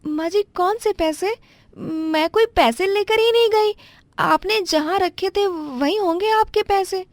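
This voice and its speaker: A woman voicing a scheming young wife who lies and stammers out excuses in a high voice. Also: a little slow, no room sound. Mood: pleading. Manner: high, pleading, fibbing with stammers.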